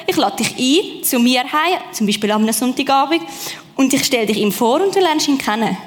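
A woman preaching a sermon, lively and personal, speaking straight to her listeners. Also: high-pitched, big-room sound.

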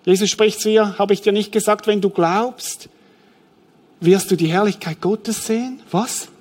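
Lively high-voiced preacher. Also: male voice, a little slow. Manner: lively storytelling preacher, acts out the scene. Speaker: pastor. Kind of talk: sermon.

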